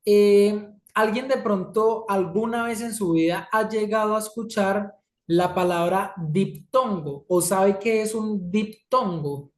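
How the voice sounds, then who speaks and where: A woman's voice: mid-range voice, takes it slowly. Woman teaching a class. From Colombia. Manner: checks in often with "¿sí?" and "¿listo?". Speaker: English teacher. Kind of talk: classroom lesson. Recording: echoey room.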